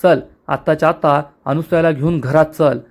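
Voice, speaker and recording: A man's voice: a little high, fairly even intonation, moderate pace, darkish tone, close to an everyday voice. A man reading the lines of a stern elderly patriarch rebuking his son. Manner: commanding, rebuking.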